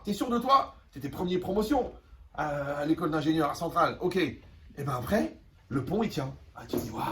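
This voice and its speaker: A man with a fairly high voice teaches a room of teenagers. He is animated, repeats himself for emphasis and acts out short scenes. He sounds set back from the microphone, with a faint hum of room noise. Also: distant mic. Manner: animated, repeats phrases, asks the class "vous me suivez". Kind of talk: lively spoken lesson to a class.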